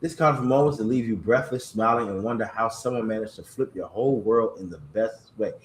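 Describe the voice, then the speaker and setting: A man hosting a casual chat, animated and playful, reading greeting-card lines aloud, with a slight cough. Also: lowish voice, brisk, reverberant, slight background noise. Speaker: podcast host.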